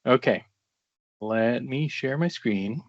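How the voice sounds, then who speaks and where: A man with a French Canadian accent presenting a software demo on a video call, casual and joking, with many fillers. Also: medium pitch, slow pace, no room sound. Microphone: video call mic. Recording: dull, dry video-call audio.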